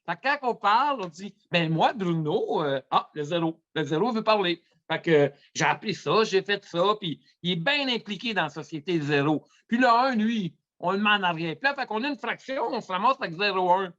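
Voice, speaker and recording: A man's voice: sits high, brisk, few pauses, lo-fi sound. A man in his fifties with a Quebec French accent, telling rambling spiritual stories in a casual talk. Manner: rambling, animated storyteller. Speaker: guest.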